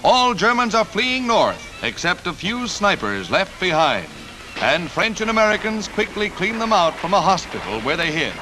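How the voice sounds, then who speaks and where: A man's voice: high-pitched, big pitch swings, moderate pace, rough recording. A man narrating a 1940s newsreel with a punchy announcer delivery and wry quips. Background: music score.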